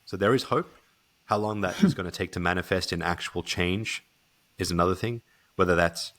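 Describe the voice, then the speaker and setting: A man's voice: sits low, a bit bright. A man speaking as a podcast guest, talking things through thoughtfully with frequent hedges and restarts. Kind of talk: casual conversation.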